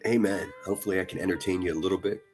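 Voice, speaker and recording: A man's voice: low voice, steady tone, very fast, a little mellow, soft background music. A man on a casual live stream reading viewer comments, blunt and profane, talking passionately and often restarting his sentences. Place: at a desk in front of a laptop.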